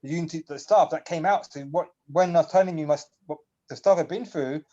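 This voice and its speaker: Guest, male, higher-pitched, rambling and emotional, muffled lo-fi call audio. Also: quick pace, dark tone. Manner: rambling, emotional, laughs often. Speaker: guest on a community video call. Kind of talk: casual chat.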